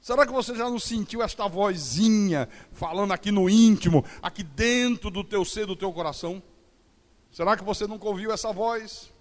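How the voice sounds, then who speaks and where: A man's voice: high voice, normal speed, big-room sound. A middle-aged male pastor preaching a sermon, telling stories with acted-out dialogue and humor. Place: church.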